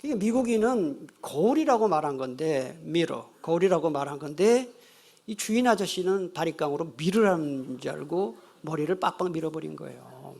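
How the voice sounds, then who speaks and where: A man's voice: fairly high pitch, animated, moderate pace, creaky, a little mellow. A man, the pastor, giving a sermon and telling a funny story while asking the congregation questions. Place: church sanctuary.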